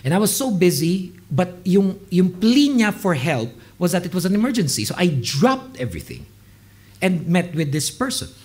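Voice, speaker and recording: Animated high-pitched pastor. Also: male voice, normal speed. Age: late 20s. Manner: animated storytelling, mixing Tagalog and English, acting out quoted people. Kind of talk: sermon.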